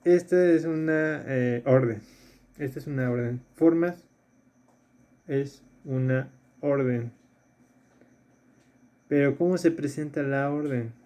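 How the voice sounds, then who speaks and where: Speaking slowly with frequent pauses and a dark tone at medium pitch, a man teaching philosophy goes over exercises step by step in a recorded remote class. He repeats the key terms and regularly checks in with "¿sí?".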